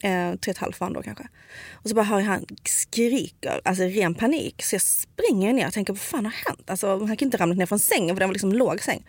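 A woman's voice: medium pitch, husky, dry recording, studio quality. A young woman on a podcast, a mother, casually telling a spooky story, swearing freely and acting out what people said. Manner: expressive, swears casually, acts out dialogue. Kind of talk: casual podcast chat, telling ghost stories.

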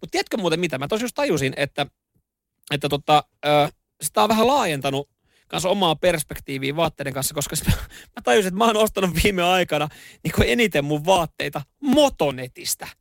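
Man, radio morning host, casual chat, animated storyteller, fillers and restarts, slightly high voice, dry studio sound. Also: vocal fry, no echo.

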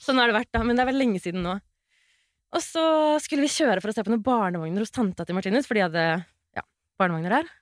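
Animated Norwegian woman telling a story. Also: medium pitch, no room sound, studio quality. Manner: animated storyteller, acts out quotes, laughs often. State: pregnant. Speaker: podcast host. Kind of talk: casual chat, telling a story.

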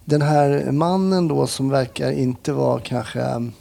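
An interviewer asking calm, brief follow-up questions in a casual conversation. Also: mid-range voice, creaky.

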